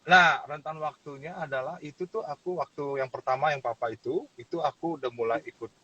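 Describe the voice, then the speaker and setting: Pastor guy, husky voice, chatty storytelling, kinda muffled lo-fi sound. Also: on the high side, a little fast. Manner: animated storyteller, laughs and acts out quotes. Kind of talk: casual testimony in a talk show.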